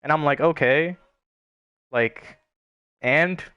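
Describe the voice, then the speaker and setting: Young guy rambling on his stream, cussing a lot, kinda high voice, dry close mic. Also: slow, clear, resonant tone, no room sound, highs cut off. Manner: rambling, profane, heavy filler words. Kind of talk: casual gaming stream chat.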